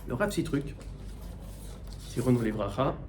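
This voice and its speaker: A middle-aged man, a rabbi, giving a Torah class in with mixed in, animated and full of rhetorical questions. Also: mid-range voice, a little slow, a little hiss or hum. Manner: animated, rhetorical questions, repeats words while searching. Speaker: rabbi teaching the weekly portion. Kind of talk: Torah class, spoken teaching.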